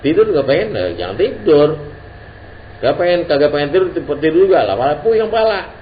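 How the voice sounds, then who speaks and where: A man's voice: a little high, brisk. A man giving an informal Islamic religious lesson, joking in casual slang. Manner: casual Jakarta-slang preaching, lively and joking. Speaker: Islamic teacher. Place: religious gathering hall. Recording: dull lo-fi recording with faint hiss.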